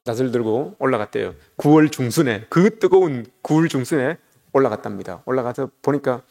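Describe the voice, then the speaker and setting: A man's voice: mid-range voice, animated, brisk, gravelly, a little mellow. A man preaching a sermon, telling a story and speaking directly to his congregation. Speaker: pastor.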